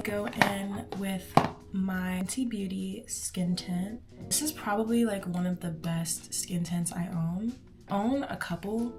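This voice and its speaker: A woman in her twenties from Houston, chatting casually and rambling as she does her makeup for a beauty vlog. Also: mid-range voice. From Houston, Texas. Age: 20s. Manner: chatty, rambling, says "like" often. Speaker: beauty vlogger. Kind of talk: casual chat while doing makeup.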